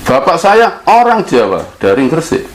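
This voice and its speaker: A man from Java giving an earnest monologue, slow and deliberate with long pauses. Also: a little high, wildly swooping pitch, a little hiss or hum, poor audio. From Java, Indonesia. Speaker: speaker.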